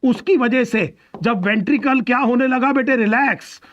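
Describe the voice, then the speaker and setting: A man teaching biology in a live online exam-prep lecture, who explains step by step, asks the students questions and answers them himself, and slows down for English phrases. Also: extremely high pitch, a bit bright. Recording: dull lo-fi audio.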